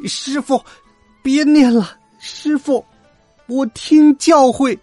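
A man voicing a hot-tempered male monkey king in a children's story, shouting shrilly. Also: very high voice, fairly even intonation, slow pace, no echo, soft background music, voice pushed up. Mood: pleading.

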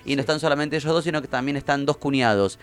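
A man's voice: mid-range voice, fast talker, smooth. A man with an Argentine Rioplatense accent, an actor being interviewed in a casual, playful chat. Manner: playful, animated, laughs often. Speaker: actor guest.

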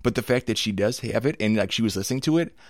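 Gravelly, low-voiced man hosting a podcast. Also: animated, fast, no echo, clean studio sound. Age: middle-aged. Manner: enthusiastic, rambling storyteller. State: slightly hoarse from a cold. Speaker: podcast host. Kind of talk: casual conversational podcast.

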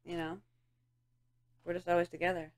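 A woman's voice: fairly low pitch, level tone, normal speed. A woman co-hosting a podcast in casual chat, giggly and rambling, filling her talk with "like" and trailing off. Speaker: podcast co-host.

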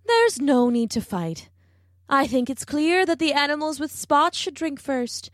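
A woman's voice: high-pitched, big pitch swings, a little slow, dry recording, clean studio sound, voice pushed up. A woman voicing a vain female giraffe in a storybook, condescending and falsely soothing.

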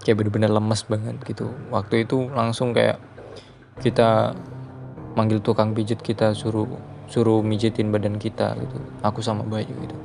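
A man's voice: lowish voice, completely flat delivery, moderate pace, vocal fry, a little mellow, soft background music. A man telling a true horror story in casual chat, rambling and repeating himself, dropping his voice on the eerie parts.

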